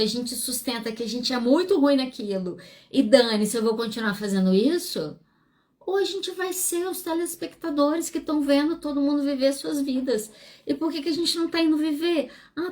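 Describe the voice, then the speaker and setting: Woman psychologist, podcast monologue, frank and animated, fairly high voice. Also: moderate pace. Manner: animated storytelling with wide pitch swings; frank and self-deprecating.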